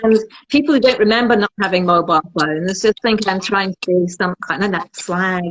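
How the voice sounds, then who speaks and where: A woman's voice: mid-range voice, fairly quick, slight background noise, rough recording. A woman, a perfumer chatting as an interview guest in a self-mocking, jokey way. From Britain. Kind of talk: casual interview chat.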